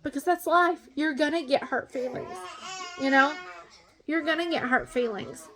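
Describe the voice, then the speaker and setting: A woman with a noticeably high voice vents in a casual vlog monologue. She talks bluntly and angrily, ranting at length as a fed-up stepmom. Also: measured pace, fairly bright tone. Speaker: stepmom vlogger.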